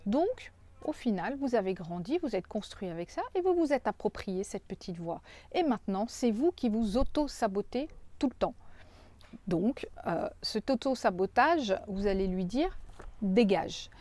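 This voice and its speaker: A woman coach speaking directly to viewers in a gentle, reassuring way, often repeating phrases for emphasis. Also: medium pitch, expressive, moderate pace, dry recording. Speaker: personal development coach. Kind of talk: coaching video addressed to viewers.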